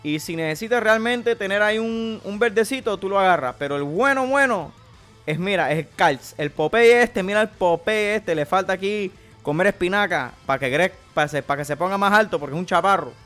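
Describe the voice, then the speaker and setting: Animated and a little fast, a streamer's comic take on a Miami guy with a strong Cuban Spanish accent walks casually and crudely through his cards. The voice sits fairly high and bright for a man, the mood is playful, and faint guitar plays underneath.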